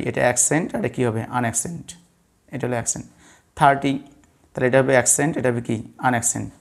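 A man's voice: medium pitch, vocal fry. A man teaching an English pronunciation lesson to students, patiently repeating rules and answering his own questions. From Bangladesh. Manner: patient, repetitive, asks students questions and answers them himself. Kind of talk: blackboard lesson explaining word stress.

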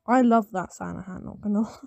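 Sleepy, slightly raspy woman, just woken up. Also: mid-range voice, brisk, mellow, no echo, highs cut off. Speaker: gamer narrating gameplay. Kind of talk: casual gameplay commentary.

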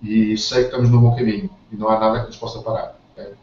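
A man's voice: on the low side, level tone, fast talker, darkish tone, recorded from a distance, a little hiss or hum. A man with a European Portuguese accent talks earnestly to a group over a video call and keeps checking that everyone is following. His voice sits well back from the mic in a very echoey room. The audio is dull and muffled. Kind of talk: casual group call talk.

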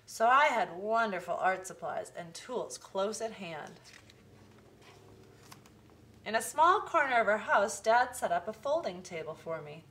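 Reading aloud from a children's picture book, a medium-pitched woman takes her time and puts expression into each line.

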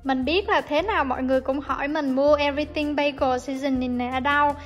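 A young woman with a high, bright voice, chatting warmly as she explains each cooking step. She talks in a friendly, easygoing way from her home kitchen. Soft music plays faintly under her voice. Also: steady tone, fast, muffled recording. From Vietnam. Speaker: cooking vlogger. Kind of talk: casual cooking voice-over. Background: soft background music.

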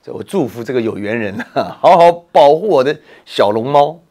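A man's voice: medium pitch, expressive, normal speed, mellow. A man laughing while talking in a casual interview chat. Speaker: reality show participant.

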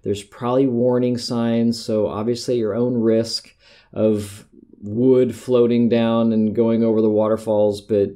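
A man's voice: medium pitch, level tone, measured pace, dark tone. A middle-aged American man talking casually about hiking in a rambling, conversational monologue, often correcting himself mid-sentence. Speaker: podcast host.

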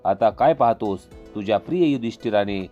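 A man's voice: lowish voice, animated, fairly quick, narrow, tinny audio, faint music behind, lightly acted. A man voicing an arrogant young prince who gloats and barks orders in a harsh, commanding way. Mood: gloating, commanding.

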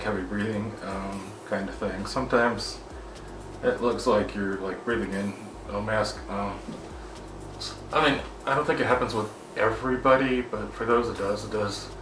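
A man with a fairly low voice speaks through a face mask, so his words come out muffled. He rambles casually with plenty of fillers as he reviews a product. He sits back from the mic in an echoey room with steady background noise. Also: far from the mic.

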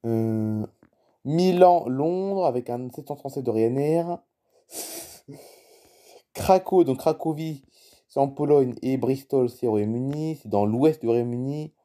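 In a medium-pitched, dark voice, a man speaks a little slowly with long pauses, casually commenting on a live flight-tracking map. He names cities and plane types, chats with viewers, and sounds puzzled by places he doesn't know, in the manner of a screen recording.

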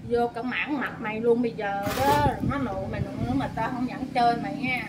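A woman's voice: fairly high pitch, fast, a crowd in the background. A drunk woman quarreling in slurred, heated speech, repeating herself and cursing. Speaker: drinking companion in a filmed drinking session. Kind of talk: casual quarrel.

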